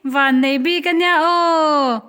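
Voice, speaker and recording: A woman's voice: high voice, a little slow, pushed and bright. A woman in casual, chatty conversation who laughs often. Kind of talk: casual chat. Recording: music playing behind the voice.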